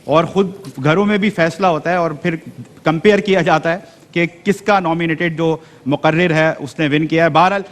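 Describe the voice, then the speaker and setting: A man hosting a TV speech competition, smoothly affirming the judges and thanking sponsors. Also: fairly high pitch, fairly even intonation, big-room sound. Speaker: host.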